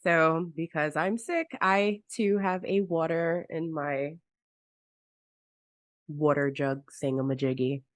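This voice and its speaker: A woman's voice: low voice, slow pace, dry recording, studio quality. A young woman co-hosting a casual book podcast, sick with her voice affected, talking in a bubbly, effusive way. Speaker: podcast co-host. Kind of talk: casual chat.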